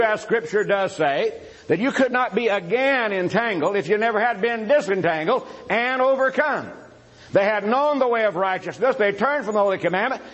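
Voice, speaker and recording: High-voiced man arguing scripture. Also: a bit bright, poor audio. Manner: argumentative, addresses opponent directly; cites scripture by chapter and verse. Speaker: debater. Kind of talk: religious debate rebuttal.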